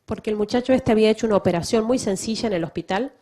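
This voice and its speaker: Speaking in a public talk to a church audience, a woman missionary shares her testimony in a slightly high, mellow voice at a racing pace. She is emphatic and asks many rhetorical questions.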